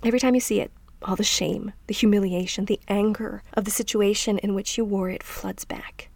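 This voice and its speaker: A middle-aged woman hosting a scripted self-help podcast, speaking softly and reflectively, often trailing into a near-whisper. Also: mid-range voice, fairly even intonation, brisk, creaky, no room sound. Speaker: podcast host.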